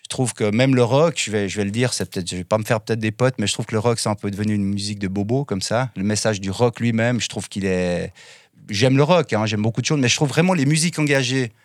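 A man's voice: on the low side, quick pace, dry recording, clean studio sound. A man from Switzerland, a musician guest, talking casually in an interview and rambling through lists with many fillers.

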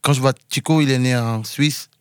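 A man's voice: mid-range voice, steady tone, moderate pace, clear, resonant tone, no room sound, studio quality. A man from Senegal, a musician guest, talking earnestly in an interview and slipping into English now and then. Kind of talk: casual interview talk.

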